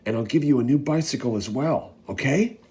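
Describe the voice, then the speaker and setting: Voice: mid-range voice, a little fast, dark tone, husky, pitched above the performer's own voice, lightly acted. A male narrator voicing a tall man who whispers a bribe. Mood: sly. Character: tall scheming man bribing a boy.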